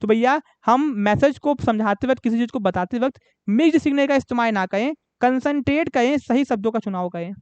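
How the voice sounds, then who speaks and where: A high-pitched man gives a classroom lecture, reading English lines slowly and then explaining them fast in Hindi. His voice is smooth and clear, and he keeps it raised and projecting. The sound is dry and slightly dull. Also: no room sound. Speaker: teacher.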